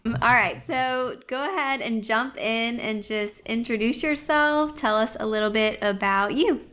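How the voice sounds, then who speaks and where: A woman's voice: on the high side, measured pace, a bit bright. A woman hosting an interview podcast, opening with a friendly scripted welcome. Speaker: podcast host, physician assistant. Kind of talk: upbeat show intro.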